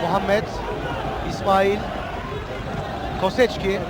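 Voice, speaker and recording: A man's voice: sits high, little pitch movement, takes it slowly. A man calling a football match live, naming players in clipped bursts and lifting his voice on chances. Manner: clipped player-name calls rising on chances. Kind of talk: live play-by-play football commentary. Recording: noisy old TV broadcast with loud crowd. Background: loud stadium crowd.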